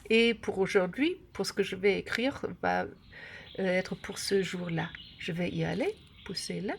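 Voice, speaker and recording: Female tutorial presenter, native German, German accent, broken hesitant French, fry in the voice, explaining step by step. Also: lowish voice, very animated, slight background noise. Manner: broken, halting French with grammar slips and word searching. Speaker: course creator and app instructor. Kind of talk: unscripted tutorial walkthrough.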